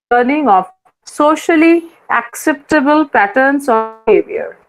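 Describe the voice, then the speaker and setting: A woman's voice: sits high, low-quality recording. A woman lecturer with an Indian English accent teaching a class, repeating her points and often asking students whether they follow.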